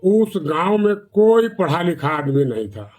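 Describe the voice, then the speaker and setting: A man's voice: sits high, very animated, unhurried, a little mellow. Earnest male storyteller. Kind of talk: folk storytelling with a moral.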